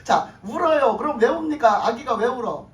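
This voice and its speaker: This sermon comes from a woman pastor whose fairly high voice has lively intonation and a moderate pace. She asks the congregation questions again and again, repeats her phrases, and chuckles. It was recorded far off in an echoey church sanctuary with faint noise.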